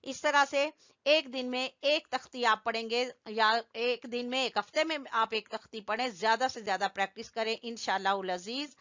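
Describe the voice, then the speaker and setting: A woman teaching Quran recitation, slowly spelling out letters and vowel marks and having learners repeat them after her. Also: a little high, lo-fi sound. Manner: corrects learners gently. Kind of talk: slow drilling lesson with call-and-response.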